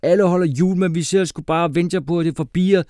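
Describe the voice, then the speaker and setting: A man voicing a brash, cocky schoolboy who talks in slang and shouts. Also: high-pitched, fairly even intonation, no room sound, clean studio sound, pitched above the performer's own voice, lightly acted.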